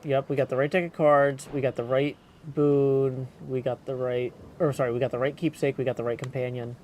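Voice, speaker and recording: A game streamer offers casual livestream commentary in a mid-range, darkish voice with a level tone and brisk pace. He mutters through choices and reads game text aloud, and the poor audio carries clear background noise.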